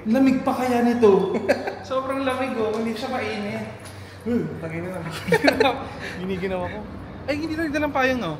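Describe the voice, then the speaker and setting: A man's voice: very high-pitched, normal speed, heavy background noise. A man with a Filipino accent in casual, informal chat.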